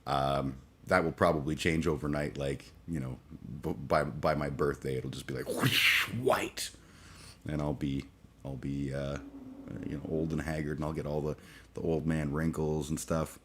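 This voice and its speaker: A man's voice: rumbling low, level tone, a bit bright. A man in his forties hosting a casual livestream chat, groggy after a late night and rambling with fillers, restarts and cursing. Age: 40s. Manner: halting, many fillers and restarts, profane. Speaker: livestream host.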